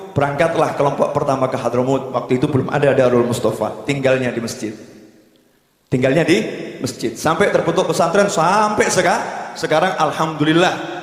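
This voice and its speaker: A man preaches with animated energy, his fairly high voice climbing into loud exhortation. The sound rings through an echoey hall with a long reverb tail. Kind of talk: religious lecture.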